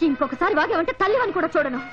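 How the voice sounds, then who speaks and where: A woman's voice: very high voice, animated, very fast. An actress playing a devoted young wife and mother who coaxes and defies in a melodramatic film. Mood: defiant. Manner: coaxing, then defiant. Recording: dull lo-fi film soundtrack with music.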